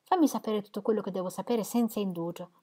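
A woman voicing a gentle, kind young woman, an affectionate elder sister, with warm, eager exclamations. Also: medium pitch, fast talker, close to an everyday voice. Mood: earnest. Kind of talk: audiobook character reading.

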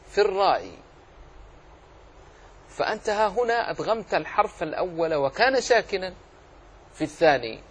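A middle-aged man teaching a religious lesson on Quran recitation, explaining rules patiently and slowing down to demonstrate readings. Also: fairly high pitch, husky. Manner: explanatory, acts out quoted readings slowly.

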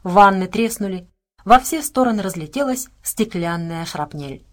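The narrator is a woman with a mid-range voice reading a scripted audiobook. She keeps an evenly paced, measured delivery.

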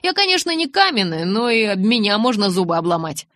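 A woman voicing a cocky, teasing teenage boy who talks loudly and brashly in an audiobook. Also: mid-range voice, very animated, a little fast, dry recording. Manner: loud, brash and insistent.

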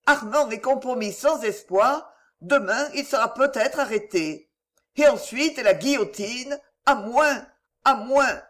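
A woman's voice: on the high side, lively intonation, takes it slowly, fairly bright tone, pitched above the performer's own voice, heavily acted. A woman reading the part of a proud young noblewoman who pleads, tearful and emotional, in an audiobook. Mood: pleading.

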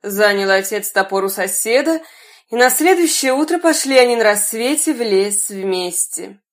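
A woman narrating a fairy tale in an even, measured storybook reading. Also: medium pitch.

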